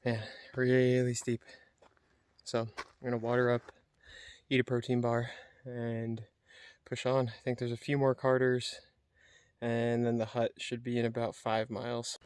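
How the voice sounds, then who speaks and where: A man chatting casually to his camera outdoors on a mountain trail, relaxed and rambling with lots of fillers. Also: medium pitch, measured pace, long pauses, clear, resonant tone, no echo. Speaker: hiker filming his own trail vlog. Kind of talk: casual self-filmed vlog chat.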